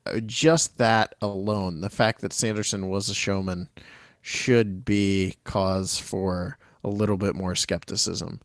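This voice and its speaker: A man chats casually on a podcast in a fairly low voice. He sounds skeptical and stumbles over words as he goes. The recording is dry and close. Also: no room sound. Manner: hesitant, many restarts, skeptical. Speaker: podcast co-host. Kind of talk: casual chat.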